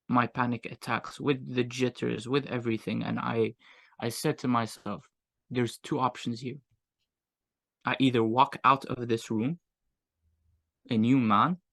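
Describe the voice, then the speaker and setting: Gravelly yet a touch bright, this medium-pitched male voice belongs to a young agency owner with a Moroccan accent. As an interview guest, he recounts his personal story openly, in a relaxed and thoughtful way.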